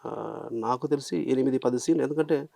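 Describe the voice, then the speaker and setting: A man's voice: medium pitch, fairly quick, vocal fry, warm tone, no room sound, clean studio sound. A man with a Rayalaseema Telugu accent, an actor chatting in an interview, hesitant with many fillers. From Rayalaseema, Andhra Pradesh. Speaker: actor guest. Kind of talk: casual interview chat.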